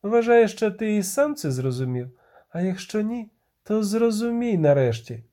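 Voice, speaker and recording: A man's voice: high-pitched, big pitch swings, moderate pace, dark tone, voice pushed up. A man reading an audiobook, voicing a cold, proud sorceress who speaks dismissively. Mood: cold, scolding.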